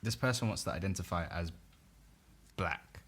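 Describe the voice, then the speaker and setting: Man, very low voice, insistent, casual podcast debate. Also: normal speed, fairly bright tone, husky. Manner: insistent, repeats no over and over. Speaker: podcast co-host.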